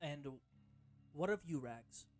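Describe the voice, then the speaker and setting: A man's voice: a little high, expressive, slow, darkish tone, faint music behind. A man narrating as game master of a tabletop game, rambling with many fillers and self-corrections.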